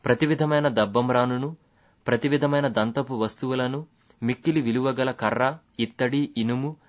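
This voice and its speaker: A man reads scripture aloud in a measured, solemn recitation. His pitch sits in an ordinary middle range. The recording sounds dull and lo-fi. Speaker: Bible reader.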